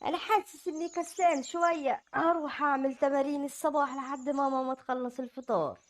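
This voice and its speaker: A squeaky little boy rabbit. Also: steady tone, fast talker. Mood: cheerful. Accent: Egyptian Arabic. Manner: squeaky, childlike.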